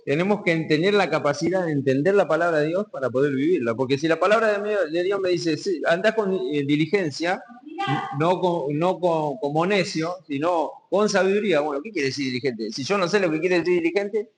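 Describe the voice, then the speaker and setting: Rioplatense pastor preaching in a reverberant hall. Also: male voice, a little high, normal speed. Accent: Rioplatense Spanish. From Argentina. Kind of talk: sermon. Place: community hall.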